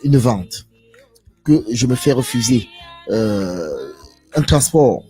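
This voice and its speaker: A live stream speaker delivers an impassioned monologue to viewers in a medium-pitched, sing-song, slow voice with a dark tone. He is emphatic and preachy, repeating phrases and asking rhetorical questions, with faint music behind him.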